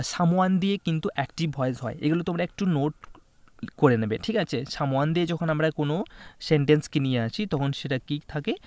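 A man's voice: a little high, no echo. Coaxing male tutor, dry close sound. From West Bengal, India. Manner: coaxing, checks in often with "okay?". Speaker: exam coaching teacher. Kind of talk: online English grammar lesson in Bengali.

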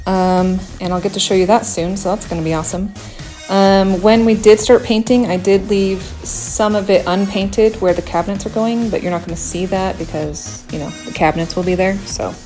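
A chatty woman in her thirties talks through her home renovation in a casual vlog voice-over. She is blunt and relaxed, often filling pauses with "um". Faint music plays underneath. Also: mid-range voice. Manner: chatty, blunt, with frequent "um" fillers.

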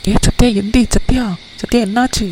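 Lady putting on a deep fast-talking neighbor lady for a cartoon, dark mellow tone, rushing her words. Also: steady tone, a little hiss or hum, close to an everyday voice, poor audio. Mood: worried. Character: worried village woman neighbor, calm and practical. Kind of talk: cartoon voice acting.

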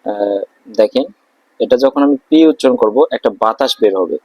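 A man's voice: lowish voice, darkish tone, dry recording, rough recording. A man teaching English pronunciation, drawing out each letter and answering his own questions. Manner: drawn-out letter sounds, asks and answers himself. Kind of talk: slow, deliberate spoken lesson.

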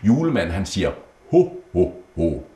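Man doing an eager, quick-talking elf boy, storybook. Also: low-pitched, big pitch swings, mellow, roomy sound.

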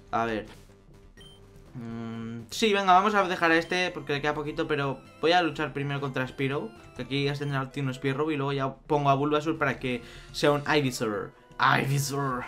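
Young guy from spain doing a let's play, slightly high voice, jumps from mumbling to yelling, faint music behind. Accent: Spain Spanish. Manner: excitable, swings from mumbling to loud outbursts. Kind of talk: gameplay commentary.

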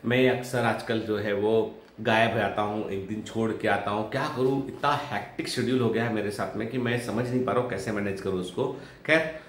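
A man's voice: lowish voice, fairly even intonation, fairly quick. A man hosting a vlog, telling a story in a casual, conversational way and often adding "ठीक है" as a tag. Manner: conversational, with frequent "ठीक है" tags. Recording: roomy echo, faint background noise.

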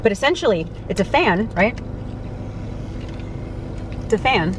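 A young woman from the States chatting to camera from inside a parked car, talking quickly and animatedly with lots of fillers. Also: mid-range voice, big pitch swings, slight background noise. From United States. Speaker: vlogger. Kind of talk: casual vlog talk to camera. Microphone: camera on dashboard.

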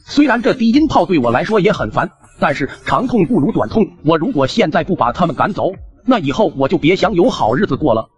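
A man's voice: fairly high pitch, sing-song, fast talker, hardly any pauses, slightly rough, muffled recording, soft background music. Wry young man narrating a cartoon. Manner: chatty and wry. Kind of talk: comic storytelling narration.

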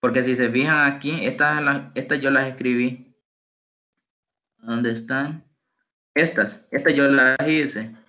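Guy tutoring english on a video call, drills phrases slow, muffled lo-fi audio. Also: medium pitch, steady tone, sharp tone. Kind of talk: online tutoring session. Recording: dull lo-fi online call audio.

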